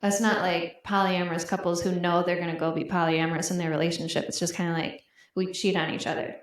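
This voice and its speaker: A woman's voice: fairly low pitch, little pitch movement, quick pace. A woman co-hosting a podcast, chatting casually and rambling with lots of "um" and "like". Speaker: podcast co-host. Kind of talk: casual chat. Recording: echoey room.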